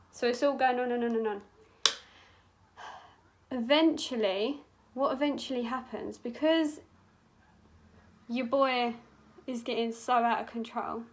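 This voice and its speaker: Slow-talking sweary woman. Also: fairly high pitch, rough recording. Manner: chatty, sweary, dramatic storytelling. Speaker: makeup artist. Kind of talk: casual storytelling while doing makeup.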